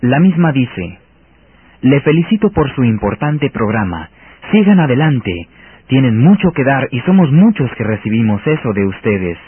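A male presenter is heard over a radio with a narrow, phone-like sound. He reads scripted announcements at a middling pitch with animated intonation. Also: moderate pace, breathy edge, no room sound. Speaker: radio announcer reading listener mail.

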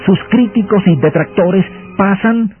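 A man's voice: sits high, a little slow. A man announcing a radio program with a dramatic, declamatory delivery, heard over a radio broadcast. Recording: tinny radio broadcast with faint music.

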